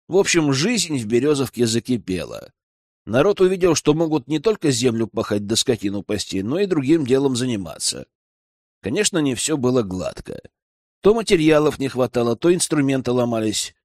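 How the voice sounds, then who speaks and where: A man narrating a first-person story in an expressive, storytelling manner. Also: mid-range voice, dry recording, studio quality.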